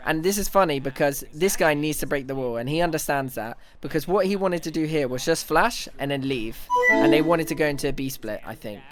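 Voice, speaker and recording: A man on a livestream, speaking into a headset mic with a slightly high voice. He breaks down the match in a fast, excitable run of thoughts. He often stumbles and restarts his sentences as he goes. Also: music in the background. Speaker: streamer analyzing an esports match. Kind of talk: casual live analysis commentary.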